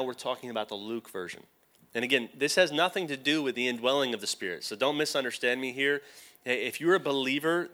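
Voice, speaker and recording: A man's voice: medium pitch, pushed and bright. A male pastor teaching a sermon, often putting questions to the congregation.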